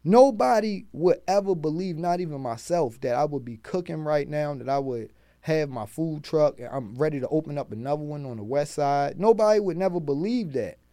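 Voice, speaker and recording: A man with a Baltimore accent tells a podcast host about his hustle in a loose, animated, profane voice. His voice sits a bit high. The sound is dry, close and clean, with no room around it. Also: normal speed, dry recording. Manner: streetwise, profane, animated storyteller. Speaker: guest, rapper and food truck owner. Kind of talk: casual podcast storytelling.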